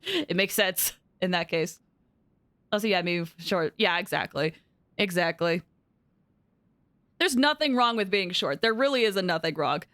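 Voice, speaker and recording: A young adult woman giving casual, giggly, excitable live reactions as she streams a game. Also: medium pitch, dry recording, studio quality.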